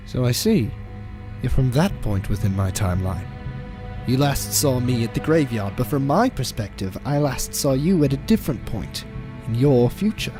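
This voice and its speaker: Megalomaniac alien villain , male actor, mid-pitched, smug and contemptuous, theatrical delivery over prominent music. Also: sing-song, moderate pace. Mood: smug, taunting. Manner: theatrical, gloating, disdainful. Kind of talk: audio drama villain acting. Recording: fan audio play under loud music.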